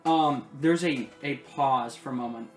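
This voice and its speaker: A man narrating casually as game master, with halting pauses. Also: mid-range voice, roomy sound, faint music behind.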